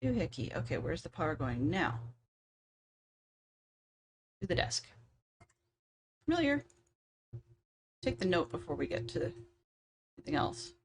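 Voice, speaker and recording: Chatty woman streamer, lively pitch. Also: a little slow, long pauses. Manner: muttering to herself while solving puzzles, dry sarcastic asides. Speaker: streamer playing a puzzle game. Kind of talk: casual live-stream commentary.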